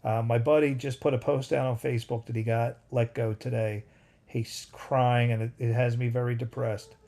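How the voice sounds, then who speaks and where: A man in his fifties talks on a casual home livestream. His voice is gravelly and dark. He rambles through an old story and keeps stopping to say hi to viewers in the chat. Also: medium pitch, level tone, moderate pace. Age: 50s. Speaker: livestream host.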